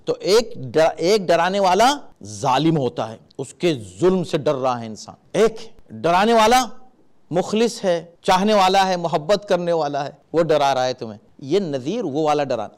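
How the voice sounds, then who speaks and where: A middle-aged man explaining Quran verses in sermon style, animated and acting out warning calls in his examples. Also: fairly high pitch. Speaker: Islamic scholar giving Quran commentary.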